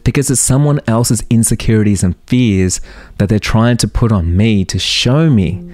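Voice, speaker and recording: This podcast host, a man in his thirties, talks earnestly on his solo motivational show and peppers it with rhetorical questions. His lowish voice has a darkish tone, he keeps a moderate pace, and faint music sits in the background.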